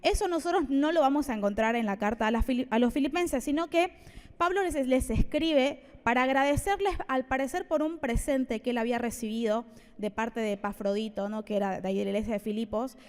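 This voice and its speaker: A woman preaches in a high voice, keeping her sermon conversational and playful with asides to the congregation. Her voice carries a long reverb from the church hall. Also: brisk, a little mellow. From Argentina.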